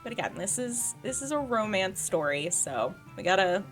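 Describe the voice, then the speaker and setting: A woman's voice: medium pitch, sing-song, normal speed, soft background music. A woman streaming a dating sim game, reading its text aloud and joking about it with a giggly, sarcastic manner. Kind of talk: casual let's-play commentary.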